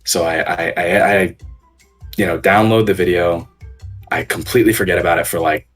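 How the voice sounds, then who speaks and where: A man with a deep singer's voice tells a casual anecdote in a low-key, hedging way, as a guest on a voice call. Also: steady tone, moderate pace, faint music behind. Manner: low-key, hedging storyteller with frequent check-ins. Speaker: call-in guest on a live show. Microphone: voice call on Discord.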